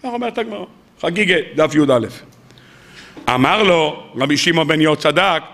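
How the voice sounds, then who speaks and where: A rabbi giving a weekly Torah sermon, animated, asking rhetorical questions and acting out the sages he quotes. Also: fairly high pitch.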